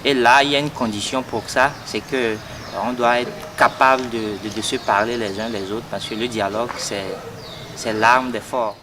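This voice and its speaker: Recorded amid street noise outdoors, a young Togolese party activist in his twenties speaks earnestly on politics for an interview. He uses a steady, mid-range tone at a moderate pace, hesitating frequently with fillers and repeated words.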